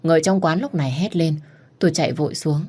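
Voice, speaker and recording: A woman's voice: low voice, fast talker, darkish tone, slightly rough. A woman reading a romance story aloud in the first person, telling it expressively. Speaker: audiobook narrator.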